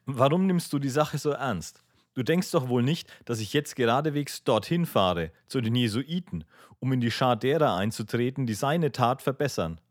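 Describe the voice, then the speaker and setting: A man's voice: medium pitch, expressive, moderate pace, no echo, studio quality, voice pushed up, close to an everyday voice. A man voicing a brooding, sardonic young intellectual in an audiobook reading.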